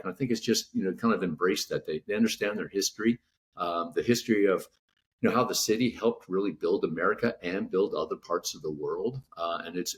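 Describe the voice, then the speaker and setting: In a low voice, an author from California chats as a guest on a laid-back podcast. He speaks haltingly, peppering his answers with "you know" and frequent restarts.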